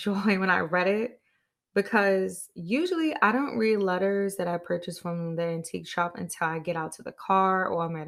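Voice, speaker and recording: A woman's voice: on the low side, fairly bright tone. A woman podcast host talking on her own to her listeners. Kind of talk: solo podcast talk.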